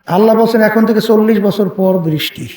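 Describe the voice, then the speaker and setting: A man's voice: high voice, brisk, darkish tone. A man preaching an open-air sermon, telling a story and calling out questions for the crowd to answer, with chanted verses. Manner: chants Quranic Arabic verses. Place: outdoor religious gathering on a field. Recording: echoey public address from a distance.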